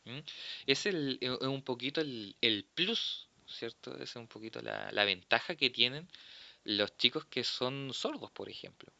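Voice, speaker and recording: A man with a Chilean accent giving a philosophy class, explaining patiently and tagging his points with quick check-in questions. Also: medium pitch, animated, vocal fry, sharp tone, no room sound, lo-fi sound. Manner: explanatory, tags sentences with "¿cierto?". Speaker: philosophy teacher. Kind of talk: classroom lecture.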